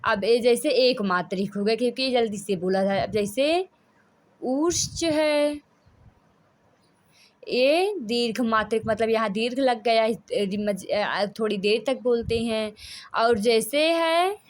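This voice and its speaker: A woman's voice: on the high side, moderate pace, hardly any pauses. A woman teaching Sanskrit grammar, reading out rules and then explaining them, drawing out vowel sounds to show their length.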